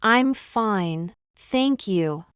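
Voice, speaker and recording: Woman, lesson read-out, very slow and careful, smooth clean voice, dry sound. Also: medium pitch, animated, no room sound. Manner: slow, deliberate, one phrase at a time. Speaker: language teacher. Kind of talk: reading example phrases for learners.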